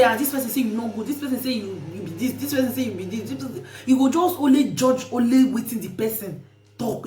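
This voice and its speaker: A woman's voice: on the high side, warm tone. A woman with a Nigerian Pidgin accent giving repetitive, exhorting life advice straight to her viewers. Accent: Nigerian Pidgin English. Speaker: vlogger. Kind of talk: casual advice monologue to viewers. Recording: echoey room, mic at a distance.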